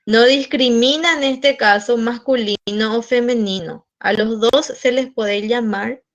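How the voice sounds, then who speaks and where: A woman with a fairly high voice teaches an online lesson. She speaks very slowly and explains each point step by step, checking that the class follows. The recording sounds dull and lo-fi. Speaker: English teacher.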